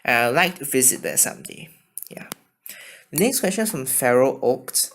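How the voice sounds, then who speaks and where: A man's voice: medium pitch, lively intonation, a bit bright. A man from China with a mixed Chinese and Singaporean accent, answering viewer questions in a casual vlog, hesitant and apologetic, recorded on a phone. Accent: mixed Chinese and Singaporean English. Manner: hesitant, halting, often apologetic.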